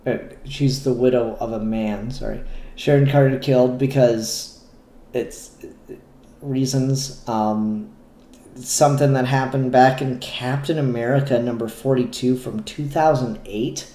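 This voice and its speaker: A man with a mellow, mid-range voice hosts a casual, unscripted review vlog, rambling candidly and swearing now and then. He reviews comic books and hosts the show, recorded in an echoey room.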